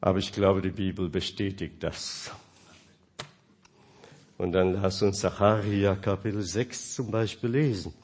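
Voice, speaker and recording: Speaking German as a second language, a man delivers a sermon, questioning his audience and alternating between loudness and quiet. His voice is low and steady, and he keeps a measured pace.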